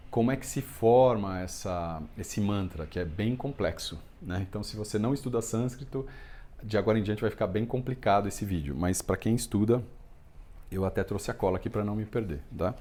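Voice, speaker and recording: A man teaching yoga and meditation, explaining a mantra in a relaxed way, often asking "né?" and chanting lines slowly. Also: on the low side. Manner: relaxed, explanatory, constant filler "né?". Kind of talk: explanatory lesson on a Sanskrit mantra.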